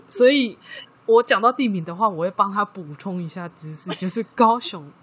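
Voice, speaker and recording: A woman with a Taiwanese Mandarin accent, co-hosting a casual chat podcast and telling a work story in a lively way. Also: medium pitch, normal speed, slightly rough. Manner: lively storytelling, acting out quoted dialogue. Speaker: podcast co-host.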